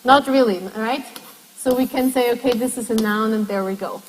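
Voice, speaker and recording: A woman's voice: on the high side, moderate pace, slight background noise. A woman lecturer in a classroom lecture, explaining step by step and putting questions to the class. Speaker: university lecturer. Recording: long echo of a lecture hall.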